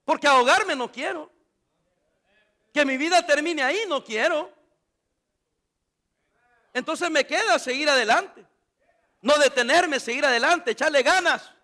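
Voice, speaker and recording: Pastor guy preaching, really high bright voice, lots of questions to the church. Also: a little slow, long pauses. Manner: preaching with rhetorical questions to the congregation; animated, acts out quoted voices. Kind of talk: sermon.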